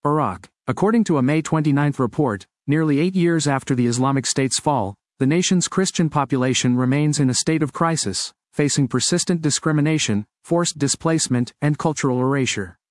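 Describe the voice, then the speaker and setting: A man's voice: a little high, fairly quick, hardly any pauses, dry recording. Man reading a news report, dry. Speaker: narrator. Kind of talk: scripted narration of a news report.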